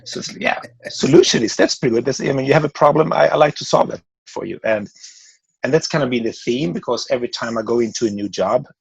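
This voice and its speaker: This Swedish man in his forties, a podcast guest with a Swedish accent, rambles through a casual interview chat and keeps restarting words. His mid-range voice is fast, gravelly and slightly rough. The recording has no echo and poor audio quality.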